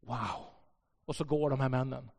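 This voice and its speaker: A man preaching a sermon, telling a story and swinging between soft and loud passages. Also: medium pitch, little pitch movement, creaky, in a large hall. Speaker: pastor. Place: church.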